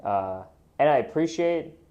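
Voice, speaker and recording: A man's voice: on the high side, expressive, a little slow, dark tone, lo-fi sound. A man in his twenties from Pakistan, a podcast guest, answering in a reflective, rambling and hesitant way. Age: 20s. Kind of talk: casual interview chat.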